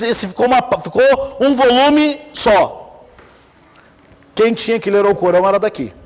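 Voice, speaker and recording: A man's voice: extremely high pitch, long reverb tail. A man with a Brazilian accent giving an informal lecture on Islamic theology, telling stories with energy and asking the class questions. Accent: Brazilian Portuguese. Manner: lively storytelling, asks the class questions.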